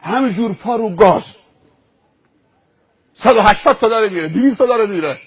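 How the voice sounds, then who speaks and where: A male preacher telling a moral story in a sermon, animated and dramatic, piling up repeated phrases. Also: sits high, slightly rough.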